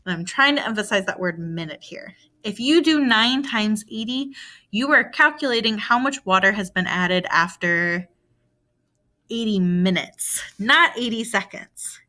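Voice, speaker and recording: A woman with a bright, clear voice talks through a math word problem in a recorded video lesson. She is patient and steady, posing questions aloud and then answering them herself. Her pitch sits in a middle range for a woman. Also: unhurried. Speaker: math teacher.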